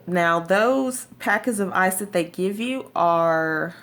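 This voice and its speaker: A woman's voice: fairly low pitch, takes it slowly, a bit bright. A woman talking casually to viewers in a vlog, giving advice in an informal, emphatic way. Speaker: vlogger sharing jaw surgery recovery tips.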